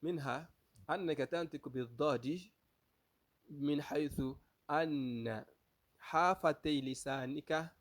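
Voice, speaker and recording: A man's voice: fairly high pitch, slow pace, pauses often. A man teaching Arabic pronunciation, who repeats each letter sound aloud several times, asks the class if they follow, and switches between English and Arabic. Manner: asks the class rhetorical checks. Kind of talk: pronunciation lesson.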